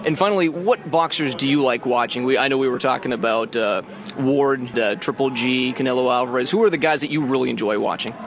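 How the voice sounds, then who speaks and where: A man interviewing outdoors, asking questions in a brisk way. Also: mid-range voice. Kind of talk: street interview.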